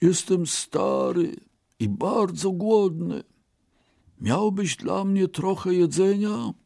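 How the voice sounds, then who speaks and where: A man voicing a frail old male beggar with a weak, trembling voice, pleading slowly in a storybook reading. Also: high voice, creaky, darkish tone, dry recording, clean studio sound, voice pushed up, exaggerated voice. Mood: pitiful. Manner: slow, pleading, plaintive.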